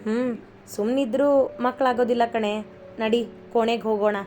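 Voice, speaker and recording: A tender young husband who teases and coaxes his wife in quick, eager bursts, as a woman reading the story puts him on. His voice stays fairly high and level, with little swing in pitch, and faint music plays behind him. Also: steady tone, a little mellow, close to an everyday voice. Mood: teasing. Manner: coaxing, playful, quick.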